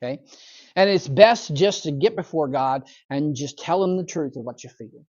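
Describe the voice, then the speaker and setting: Chuckling pastor telling a story. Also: male voice, fairly high pitch, expressive, moderate pace, darkish tone, lo-fi sound. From United States. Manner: chatty storytelling, chuckles often, asks the room questions. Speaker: pastor teaching a Bible study. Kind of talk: conversational Bible lesson. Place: church Bible study class.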